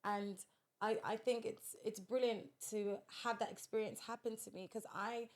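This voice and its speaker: A woman's voice: mid-range voice, steady tone, normal speed. A woman, a podcast guest, telling a personal story in a direct, earnest way in casual conversation.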